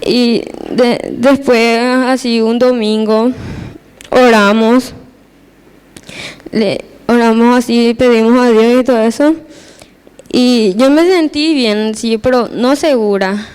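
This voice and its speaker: A woman's voice: a little high, fairly even intonation, takes it slowly, darkish tone, smooth. A teenage girl giving a personal church testimony, hesitant and repeating her words as she restarts.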